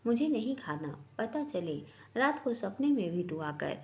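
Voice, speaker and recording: A woman voicing a gentle, hardworking young woman who teases softly, in a storybook reading. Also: medium pitch, big pitch swings, unhurried. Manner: soft, teasing, affectionate. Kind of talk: storybook voice acting.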